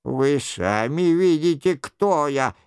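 A man's voice: fairly high pitch, expressive, slow, smooth, no room sound, studio quality. A man reading the part of a frightened monk giving nervous, evasive answers under threat. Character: frightened sober-struck male monk, pleading. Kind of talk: audiobook character reading.

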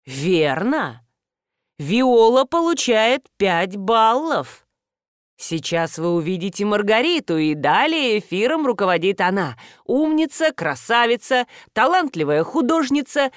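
A woman's voice: medium pitch, sing-song, a little slow, no room sound, clean studio sound. A woman voicing a flustered young male stand-in TV host. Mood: eager.

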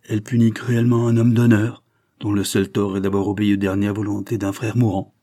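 A man voicing a smooth, scheming middle-aged gentleman who speaks in a grave, formal way, a little raised above his reading voice. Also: on the low side, little pitch movement, a little fast, lightly acted.

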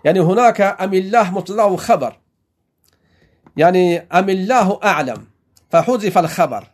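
A man from Afghanistan teaches a classical religious text line by line, pausing to explain the grammar. His voice sits high, and he speaks in a measured way, often restarting a word before going on. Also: expressive. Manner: measured explanation with frequent restarts and soft acknowledgements. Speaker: teacher of Quranic exegesis and grammar.

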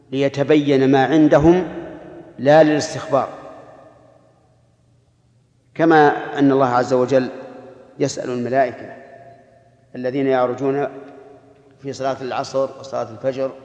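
A man giving a religious lesson, explaining texts in a measured teaching way and correcting the reader. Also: medium pitch, darkish tone. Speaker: sheikh explaining hadith. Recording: echoey hall, dull old tape.

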